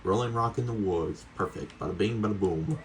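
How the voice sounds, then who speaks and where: Deep-voiced man chatting through a game, noisy background. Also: a little fast. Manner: chatty, rambling, talks to viewers; casually sweary. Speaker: video game streamer. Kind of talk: casual gameplay commentary.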